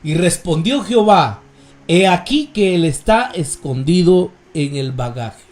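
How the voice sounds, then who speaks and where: A man preaching a sermon in a Guatemalan Spanish accent, reading scripture and explaining it in a slow, measured way, often calling his listeners brothers. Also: sits high, lively intonation, a little mellow, roomy sound, soft background music.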